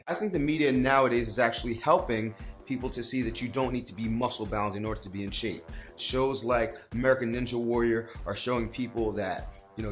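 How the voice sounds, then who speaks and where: Man giving earnest fitness-coaching advice. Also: medium pitch. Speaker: personal trainer giving advice to trainers. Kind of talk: direct-to-camera advice vlog.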